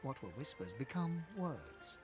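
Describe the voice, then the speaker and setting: A man playing a solemn, poetic storyteller, narrating a fantasy video game in a measured, literary way. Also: medium pitch, very animated, over music.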